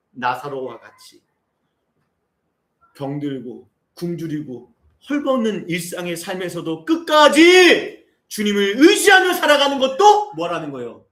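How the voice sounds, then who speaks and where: High, animated preacher in his forties. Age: 40s. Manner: asks the congregation constant rhetorical questions; builds to impassioned, near-shouted appeals. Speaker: pastor. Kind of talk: sermon. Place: church sanctuary. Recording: echoey church sanctuary.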